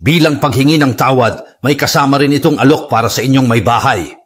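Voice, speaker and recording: A humbled middle-aged family head, voiced by a man speaks in a husky, breathy voice. He is deferential and apologetic. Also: medium pitch, a little fast, lightly acted. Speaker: voice actor in a Filipino dub. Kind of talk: dubbed drama acting.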